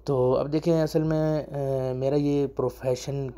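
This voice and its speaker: A man teaching in a casual spoken lesson, repeating them slowly and often checking "okay?". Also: medium pitch, flat delivery, mellow. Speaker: Arabic teacher.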